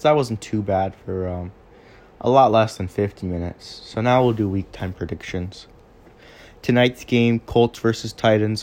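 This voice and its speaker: A young man with a fairly low voice hosts a casual sports podcast. He talks off the cuff and often stumbles and restarts his sentences while he recaps the games. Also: a little mellow. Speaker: podcast host.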